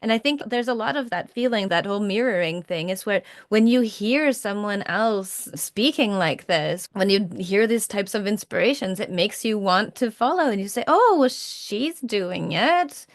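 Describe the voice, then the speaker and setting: A woman with a North American accent hosting a podcast, talking in a warm, effusive, rambling way. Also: medium pitch, moderate pace, hardly any pauses, no echo, clean studio sound. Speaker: podcast host. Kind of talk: casual podcast chat.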